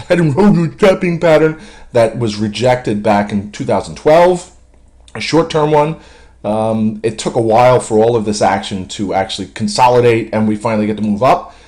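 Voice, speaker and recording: Male market commentator walking through charts; confident, quick, chatty delivery. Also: medium pitch, darkish tone. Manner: confident, quick, with frequent uh fillers. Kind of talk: screen-share chart walkthrough.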